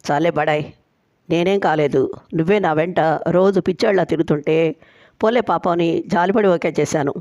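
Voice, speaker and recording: A woman's voice: fairly low pitch, moderate pace, darkish tone, no room sound, lo-fi sound, lightly acted. Woman narrator doing a young bride-to-be, firm, teasing, strict, dry close sound. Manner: firm, teasing, laying down conditions. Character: young woman, bride-to-be, bossy and sharp-tongued.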